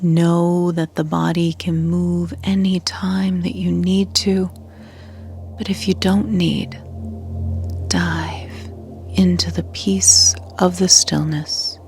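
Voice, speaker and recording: Faint music sits behind a woman leading a yoga nidra meditation in a lowish voice with a level tone. She sounds soothing and hushed, softly breathy to the edge of a whisper, pausing at length.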